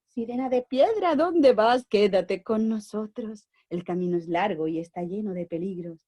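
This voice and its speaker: A woman's voice: medium pitch, normal speed, warm tone, lightly acted. A woman with a Spanish accent from Spain voicing a flock of city pigeons, with a rolling cooing trill. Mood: coaxing.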